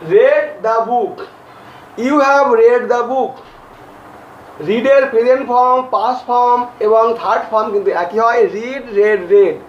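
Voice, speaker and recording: Guy teaching english grammar, spells words out letter by letter, dull lo-fi sound, faint background noise. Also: very high-pitched. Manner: slow, repeats and spells out words. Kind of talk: classroom grammar lesson. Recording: echoey, distant, dull lo-fi audio.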